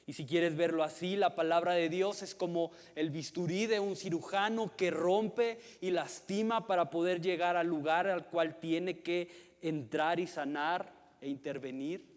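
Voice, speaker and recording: A man's voice: on the high side, steady tone, a little slow. A man in his thirties with a Mexican accent preaching a sermon as a pastor, earnest, often repeating a word as he starts a phrase. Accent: Mexican Spanish. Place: church hall. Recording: long reverb of a large hall.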